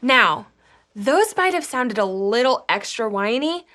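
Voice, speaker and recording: A woman hosting a scripted children's church lesson, upbeat and clear as she speaks to kids. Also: on the high side, big pitch swings, measured pace.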